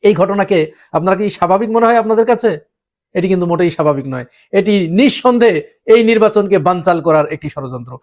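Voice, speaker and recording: A man's voice: sits high, expressive, fast, a little mellow. A man delivering an emphatic opinion monologue on current events, asking the audience rhetorical questions. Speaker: political commentator.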